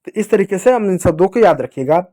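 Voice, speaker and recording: A man's voice: high voice, expressive, quick pace, warm tone. A male teacher giving a reading lesson to young children, patiently repeating each sound, asking questions and answering them himself, and calling his listeners dear children. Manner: addresses children fondly as dear kids.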